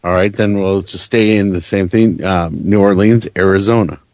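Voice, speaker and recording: Gruff, matter-of-fact male co-host, low voice, dry recording. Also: fairly even intonation, normal speed, a little mellow, no room sound. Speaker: co-host reading matchups. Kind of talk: casual chat.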